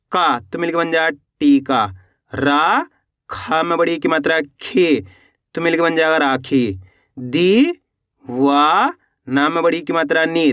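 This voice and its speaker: A man with a fairly high voice teaches a reading lesson. He sounds out each word one syllable at a time, then says the whole word in a lower, drawn-out tone. He keeps asking the class how to read it and answers his own questions. The recording is dry and close, with no room sound. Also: fairly bright tone, dry recording. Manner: slow syllable-by-syllable spelling, asks questions then answers them himself. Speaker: Hindi teacher.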